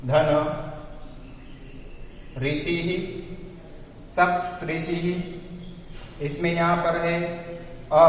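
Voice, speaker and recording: A man teaching a grammar lesson, slowly repeating each example word and breaking it into parts. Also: on the high side. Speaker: Sanskrit teacher. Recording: echoey room, mic far off, faint hum.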